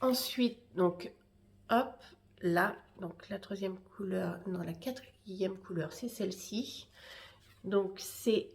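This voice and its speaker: A woman's voice: medium pitch, slow pace. A woman hosting a knitting podcast, chatting casually and hesitantly with many fillers while showing her work. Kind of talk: casual show-and-tell chat.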